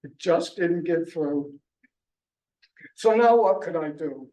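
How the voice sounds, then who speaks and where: A man's voice: on the high side, lively intonation, slow pace, mellow. A male author reading his memoir aloud at a library book launch, telling it with a wry, chuckling storytelling manner. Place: library event room. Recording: echoey room, distant mic.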